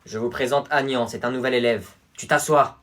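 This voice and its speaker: A man's voice: medium pitch, steady tone, a little fast, a bit bright, slight background noise, close to an everyday voice. A man doing a stern, lecturing schoolteacher. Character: stern male teacher of an elite class.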